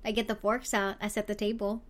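A woman's voice: mid-range voice, little pitch movement, a little fast. A woman co-hosting a live-streamed chat podcast, talking casually in an exaggerated Valley Girl voice, giggly and rambling.

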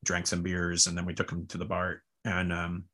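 A man's voice: sits low, monotone, moderate pace, sharp tone, slightly rough. A man, a record label founder, telling long casual stories in an interview, full of fillers and asides. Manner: rambling anecdotes with frequent fillers and laughs.

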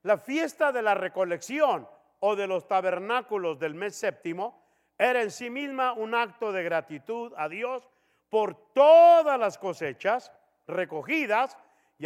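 A man preaching a sermon as pastor in a church, animated, acting out the voices of people in his examples. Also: high-pitched, in a large hall. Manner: animated, acts out dialogue voices.

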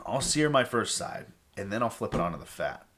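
A man's voice: lowish voice, sing-song, fairly quick, fairly bright tone. A man chatting casually and bluntly, with heavy swearing. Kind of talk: casual chat.

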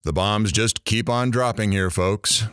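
A man's voice: lowish voice, unhurried, a bit bright, clean tone, no room sound, studio quality. A man playing a talk show host, brash and teasing, hamming up each surprise.

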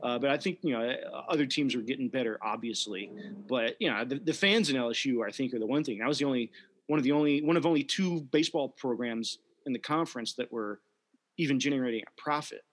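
A man with a middling pitch, talking sports on a casual podcast. He is opinionated and wry, and he gets animated when he makes a point. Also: quick pace. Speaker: podcast co-host.

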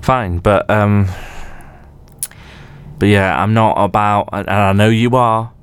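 A man's voice: lowish voice, steady tone, takes it slowly, clear, resonant tone. A British man co-hosting a casual chat in a dry, laid-back manner. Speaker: podcast co-host.

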